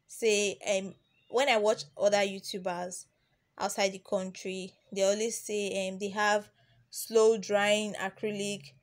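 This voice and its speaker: A young woman from Nigeria narrating a beginner nail tutorial as a voice-over, chatty, with plenty of ums and restarts. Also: mid-range voice. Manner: chatty, repeats herself, many ums and restarts. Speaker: nail tech teaching beginners. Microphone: voice-over recording.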